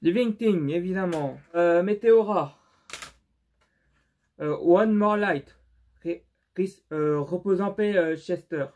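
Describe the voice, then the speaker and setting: Young male vlogger, non-native French accent, slow and halting, fairly high voice. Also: a little mellow. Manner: halting and unsure, many fillers and restarts. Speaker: YouTuber showing his CD collection. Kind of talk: casual vlog commentary.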